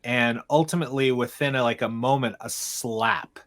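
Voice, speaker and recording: A man narrating a tabletop game as game master, halting and filling pauses with ums and uhs. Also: mid-range voice, fairly even intonation, a bit bright.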